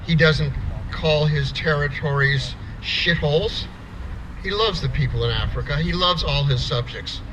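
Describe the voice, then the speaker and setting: Bright-voiced man giving a rally speech. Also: fairly high pitch, a little slow, a little hiss or hum, low-quality recording. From United States. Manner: plainspoken storyteller with repeated restarts. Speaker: rally speaker. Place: outdoor rally.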